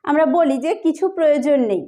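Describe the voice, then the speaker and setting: Bengali-accented woman, high voice, patient phrase-drilling English tutor for beginners. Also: lively intonation, warm tone. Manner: slow, carefully drilled repetition of phrases. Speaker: English teacher. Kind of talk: spoken English lesson for beginners.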